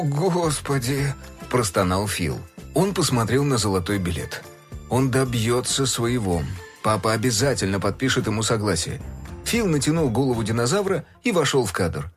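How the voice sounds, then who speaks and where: Brief: a man reading a children's story aloud, lively swinging pitch, faint music underneath. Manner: expressive, animated storytelling. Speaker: narrator.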